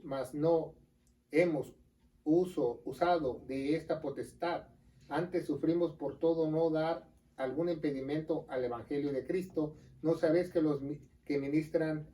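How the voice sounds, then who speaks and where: Earnest pastor with a mellow Mexican accent. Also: male voice, on the high side, distant mic, poor audio. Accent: Mexican Spanish. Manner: earnest, explains scripture, quick aside jokes. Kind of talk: casual teaching chat on a religious show.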